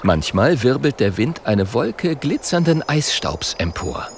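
Unhurried man reading a children's story. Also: mid-range voice, big pitch swings, slight background noise. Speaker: narrator. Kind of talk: children's audiobook narration. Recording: faint music underneath.

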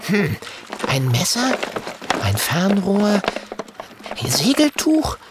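A man's voice: high-pitched, huge pitch swings, takes it slowly, background noise, pitched above the performer's own voice, heavily acted. A man voicing an eager young male little dragon in a storybook reading, with a chirpy manner.

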